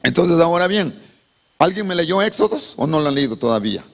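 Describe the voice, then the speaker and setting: A man preaching a sermon as pastor, telling stories and acting out the dialogue, rising in pitch and force as he exhorts. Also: a little fast, vocal fry. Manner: animated storytelling, voicing characters in dialogue; rises in pitch and volume when preaching. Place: church sanctuary.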